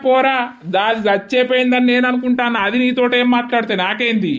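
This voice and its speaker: This cartoon village man is middle-aged and bitter, and he scolds and curses at full volume, as a voice actor puts him on. He speaks in a Telangana accent, at a middle pitch. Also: steady tone, a little fast, muffled recording, lightly acted. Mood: scolding. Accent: Telangana Telugu. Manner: scolding, cursing, loud. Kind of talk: village comedy cartoon dub.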